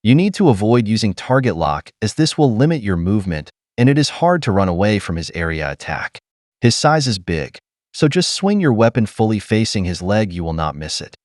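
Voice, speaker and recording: A man giving scripted game walkthrough narration, explaining steps in a steady, instructional way. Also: lowish voice, fairly quick, dry recording, clean studio sound.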